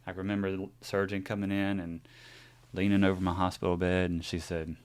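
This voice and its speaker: This podcast co-host, a man in his forties, speaks a little fast in a low voice with little pitch movement. In casual chat he rambles openly about his own experiences, full of fillers and false starts.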